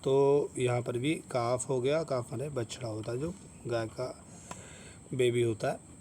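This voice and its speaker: A man's voice: medium pitch, steady tone, measured pace, darkish tone, slight background noise. Patient man teaching spelling rules. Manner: patient, repeats each point, spells letters out. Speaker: English teacher. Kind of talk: explanatory lesson.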